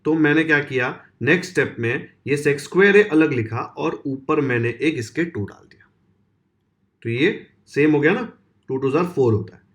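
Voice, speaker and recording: A man teaching a maths lesson to school students. He talks to them in an informal, friendly way and walks through each step he writes. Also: on the high side.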